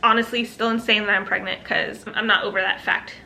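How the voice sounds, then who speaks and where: A woman's voice: mid-range voice, flat delivery, fairly quick, creaky, sharp tone, slight background noise. A young woman vlogging, talking casually to camera in a chatty, upbeat way with bits of laughter.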